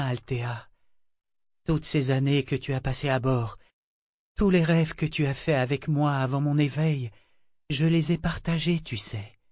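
A man reading aloud, voicing a wise, gentle female living ship who speaks softly and slowly. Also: on the high side, no room sound, clean studio sound, natural voice. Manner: soft, slow and calm.

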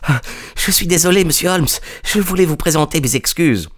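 Anxious young assistant, pitched well above the reader's own voice, plaintive, as a male narrator puts him on. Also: moderate pace, lightly acted. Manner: anxious, pleading. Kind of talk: audiobook character reading.

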